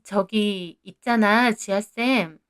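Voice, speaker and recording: A woman voicing a cautious, hesitant female colleague in her thirties who speaks slowly. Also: medium pitch, darkish tone, natural voice.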